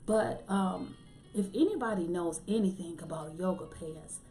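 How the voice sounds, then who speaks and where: A woman hosting her own podcast in a casual, humorous way, with light filler words and lively asides to the listener. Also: lowish voice, a little slow, reverberant, faint music behind. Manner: chatty and humorous, acts out quotes with a raised voice. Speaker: podcast host. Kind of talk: casual solo podcast talk.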